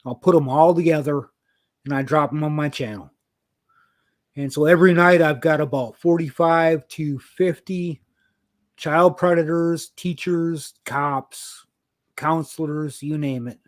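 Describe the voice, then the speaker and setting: A man in his fifties chatting bluntly on a livestream, swearing freely and swinging from calm talk to heated outbursts. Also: on the high side, unhurried, no room sound, studio quality. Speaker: livestreamer sharing news of predator cases. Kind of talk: casual livestream chat. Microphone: video call.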